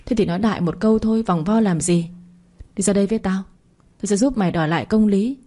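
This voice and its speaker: A woman voicing a bold young village woman who scolds her friend in quick, sharp bursts. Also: medium pitch, close to an everyday voice. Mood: scolding.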